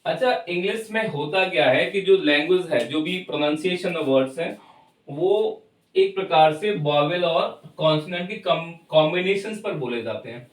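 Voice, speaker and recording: A man's voice: on the high side, lively intonation. A man teaching English pronunciation, explaining step by step and often checking in with his students. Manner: explains slowly and checks in with "thik hai". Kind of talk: pronunciation lesson. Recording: echoey room, far from mic.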